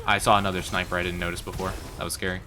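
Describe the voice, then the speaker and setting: A man with a fairly low voice hosts a casual gaming stream. He banters playfully and conversationally with his viewers, while music plays softly behind him. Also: level tone, rapid-fire. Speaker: livestreamer. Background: faint music.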